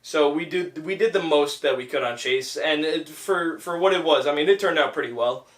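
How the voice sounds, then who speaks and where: A man's voice: a little high, normal speed. A young man hosting a casual podcast, rambling with lots of fillers and swearing. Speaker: podcast host and filmmaker. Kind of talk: casual chat. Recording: echoey room, far from mic.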